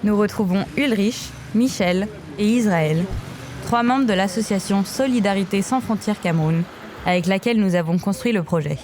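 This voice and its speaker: Une femme qui lit avec calme la narration d'un documentaire. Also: female voice, medium pitch, normal speed.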